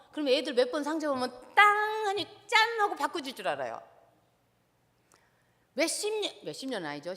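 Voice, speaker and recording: A high, very lively woman's voice, rising and falling sharply as she lectures with passion in a church hall. She keeps turning to her audience with questions. A long reverb trails after each phrase. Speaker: seminar lecturer, professor.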